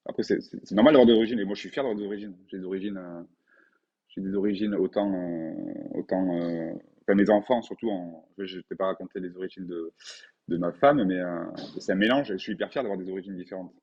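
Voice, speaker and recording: A man's voice: deep voice, fairly even intonation, fairly quick, muffled recording. A man in his forties from France, talking earnestly as a podcast guest and repeating words for emphasis. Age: 40s. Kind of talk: conversational interview.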